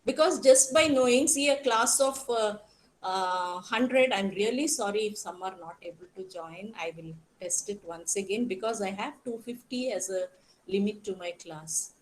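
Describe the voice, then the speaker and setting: A college teacher from Karnataka, speaking with a strong South Indian accent and a medium-pitched voice, runs an interactive online class. She explains haltingly and asks students questions, and the poor audio has some hiss or hum.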